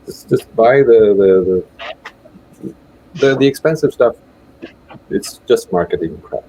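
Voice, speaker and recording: A man's voice: on the low side, lively intonation, unhurried, mellow, low-quality recording. A man from Switzerland giving his views in a casual live chat, hesitant and full of restarts. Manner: hesitant, many restarts and filler sounds. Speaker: guest rider on a live chat show.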